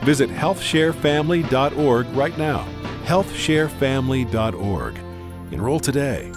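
A man's voice: medium pitch, lively intonation, unhurried, music in the background. A man reading a scripted radio ad in an upbeat, persuasive way. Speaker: ad announcer.

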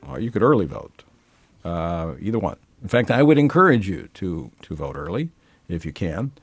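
A man from Louisiana hosting a talk radio show, chatting with many fillers and swinging between loud and soft delivery. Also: deep voice, sing-song, normal speed, slightly rough, dry recording, faint music behind.

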